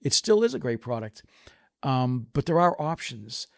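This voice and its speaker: A man's voice: mid-range voice, big pitch swings, moderate pace, vocal fry, dry recording, studio quality. A man in his forties, a flooring contractor talking as a podcast guest, telling stories and acting out what customers say. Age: 40s. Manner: storytelling, acts out customer dialogue. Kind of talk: casual podcast chat.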